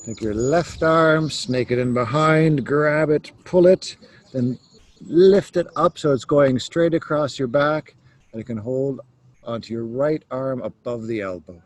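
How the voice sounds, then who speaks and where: A man leading a yoga class, calmly cueing each stretch step by step. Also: medium pitch. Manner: slow, calm cueing of stretches. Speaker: yoga teacher. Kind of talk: guided yoga instruction.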